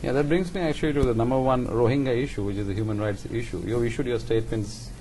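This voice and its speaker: A man's voice: mid-range voice, fast, warm tone, a little hiss or hum, rough recording. A man interviewing formally, with a conversational, probing way of rephrasing and summing up as he asks.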